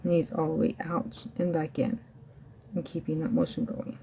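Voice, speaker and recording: A woman's voice: deep voice, moderate pace, vocal fry, background noise. A woman working as a fitness instructor, coaching a home ab workout while demonstrating the floor exercises herself. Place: indoors at home.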